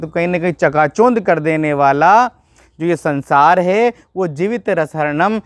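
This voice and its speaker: A man's voice: on the high side, dry recording, studio quality. A male Sanskrit teacher explaining a verse line by line, repeating each phrase and then glossing it. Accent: Rajasthani Hindi.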